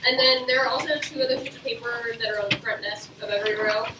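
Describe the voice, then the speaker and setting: A woman with a cold teaches a class, her voice stuffy and nasal and a little high. She reassures the students casually with plenty of fillers. She is caught from far off in an echoey classroom with loud noise. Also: steady tone, fast. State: sick, nasal voice.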